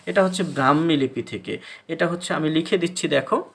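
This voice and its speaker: A male teacher lectures his students in a bright, slightly high voice. He explains step by step, pauses on frequent hesitation sounds, and asks questions only to answer them himself. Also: gravelly, slightly rough. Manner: many hesitation sounds, demonstrates breathing. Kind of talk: classroom lecture.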